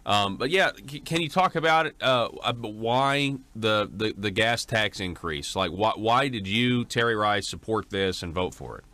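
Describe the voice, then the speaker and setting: Bright, forceful man hosting an interview. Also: lowish voice, expressive. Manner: halting, rephrases questions as he goes. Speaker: interviewer, program host. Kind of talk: conversational political interview.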